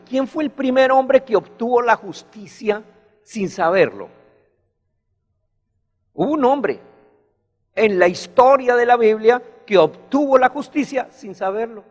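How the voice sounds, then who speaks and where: A man's voice: high voice, long reverb tail. A man preaching a sermon, rising into emphatic bursts as he retells a story.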